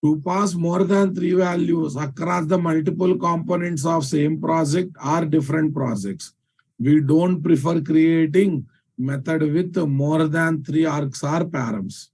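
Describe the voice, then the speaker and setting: A man's voice: a little high, measured pace, a little mellow, slightly rough, poor audio. A man with a Telugu Indian accent giving a live technical lecture as a programming teacher, repeating phrases for emphasis and checking understanding with questions.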